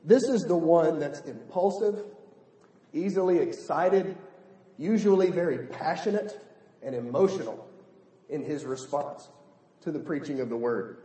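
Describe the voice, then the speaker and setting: Man, pastor, sermon, middle-aged, high mellow voice, lively storytelling, echoey church hall. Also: measured pace, long pauses. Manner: lively, acts out quoted voices with humor. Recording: echoey hall, long reverb.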